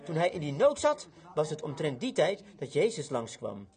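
A male preacher delivers a sermon as a dramatic story. His voice sits high, swinging from loud outbursts to quiet, hushed passages. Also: huge pitch swings, moderate pace.

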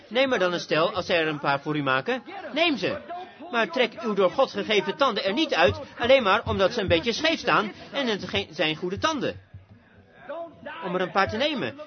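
A man preaching an impassioned sermon that rises to shouts, on a dull lo-fi recording with a crowd behind. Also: sits high. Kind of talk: fiery sermon.

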